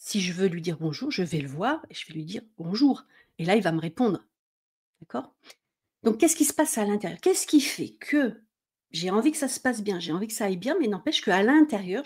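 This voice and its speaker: A woman's voice: mid-range voice, darkish tone, breathy edge. A middle-aged woman, a mindset coach, explains in a conversational teaching style, often checking in with "d'accord?" and acting out inner worries.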